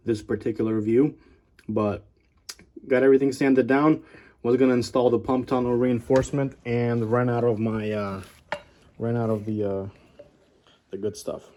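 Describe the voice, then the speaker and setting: A man hosting a casual garage how-to vlog, talking in a relaxed, rambling way with lots of ums and uhs. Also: mid-range voice. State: out of breath at times. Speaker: garage channel host. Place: home garage workshop.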